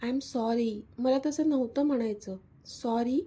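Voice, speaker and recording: A woman's voice: a little high, measured pace, mellow, breathy edge. A woman voicing a pouting, tearful young woman in a storybook love story. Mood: pleading. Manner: pouting, pleading.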